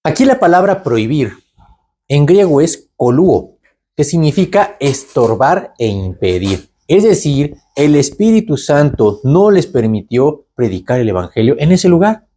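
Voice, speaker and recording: A man's voice: on the high side, sing-song, measured pace, dark tone. A man teaching the Bible conversationally, asking rhetorical questions and tagging lines with "¿verdad?". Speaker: preacher.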